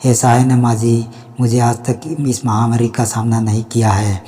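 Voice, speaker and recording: A man voicing a calm, educated young daughter-in-law in a storybook reading, polite and reasoning in a level way. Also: medium pitch, moderate pace, husky, in a large hall, close to an everyday voice.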